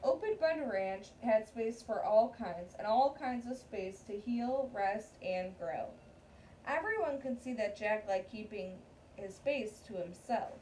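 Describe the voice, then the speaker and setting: Expressive and mellow, at medium pitch and a slow pace, a woman teacher reads a story to young pupils and keeps them engaged with short questions like "okay?" and "right?". The recording comes from a distant mic with noticeable room noise.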